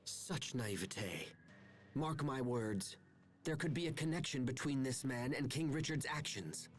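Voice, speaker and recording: An actor playing a stern, distrustful young man in a fantasy video game, speaking formally and gravely. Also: mid-range voice, unhurried, lightly acted.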